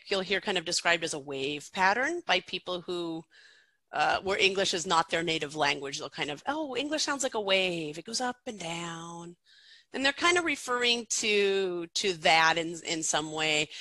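A woman's voice: mid-range voice, pushed and bright, dry recording, poor audio. A middle-aged woman, a pronunciation teacher, explaining things in an interview in a chatty way with lots of fillers and restarts.

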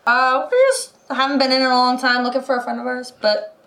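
A woman's voice: sits high, level tone, fast, bright, forceful tone. A woman playing a tabletop game, playful and giggly. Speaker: player.

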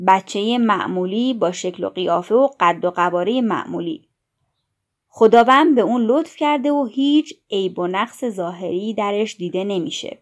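Stern self-righteous schoolmaster figure, loud lecturing delivery, middle-aged man, as a woman reader puts him on, mid-pitched voice, audiobook story. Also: natural voice.

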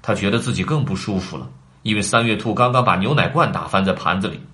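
A man reading a children's story aloud in an animated way, talking to the children between lines. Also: lowish voice, fast.

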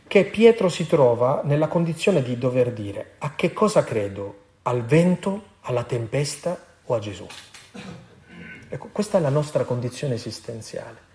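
Earnest man preaching, mellow voice. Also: mid-range voice. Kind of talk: sermon with Gospel reading.

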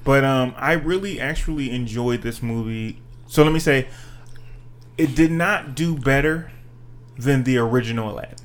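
A man's voice: medium pitch, normal speed. A man in his thirties hosting a podcast in casual, slangy, profane chat, with a whistling s from a missing tooth. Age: 30s. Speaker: podcast host. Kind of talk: casual chat about movies. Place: podcast studio.

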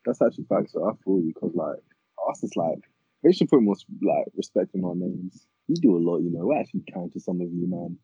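A man's voice: deep voice, very animated, a little fast, dark tone, breathy edge, dry recording, highs cut off. A young man with a London roadman accent trading casual, slang-heavy banter as a podcast panelist.

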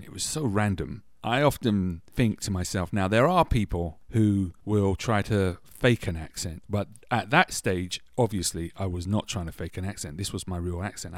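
A middle-aged man with a British accent chats his way through personal anecdotes as a podcast host. His voice sits fairly low, and he drops in wry jokes at his own expense. The sound is close and dry, with no room around it. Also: dry recording. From England. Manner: chatty and anecdotal, with wry self-deprecating asides. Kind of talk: casual personal storytelling.

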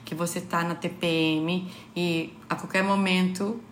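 A woman co-hosting a casual advice podcast from a home kitchen table, telling stories in a lively, playful way. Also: lowish voice, unhurried, a little hiss or hum. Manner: animated, playful storytelling. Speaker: podcast co-host. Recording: roomy kitchen with faint ambience.

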